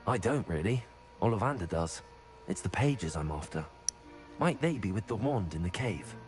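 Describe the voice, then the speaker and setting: Brief: man playing a curious young wizard hero for a game, animated pitch, game music clearly behind. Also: normal speed, lightly acted. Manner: curious, dry questioning. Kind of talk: video game voice acting.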